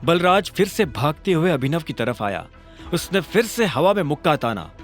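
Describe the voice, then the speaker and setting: Over background music, a male narrator delivers a dramatic scripted story, his fairly high voice swinging widely in pitch.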